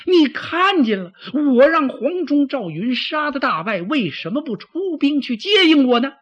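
A man voicing a hot-tempered, bossy male general with a husky, accusing bark. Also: fairly high pitch, very animated, normal speed, fairly bright tone, full character voice. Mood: angry. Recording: dull lo-fi recording.

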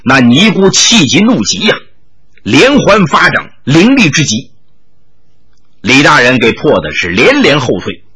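A man telling a martial-arts novel aloud with animated, dramatic narration. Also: on the high side, measured pace, breathy edge. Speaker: storyteller.

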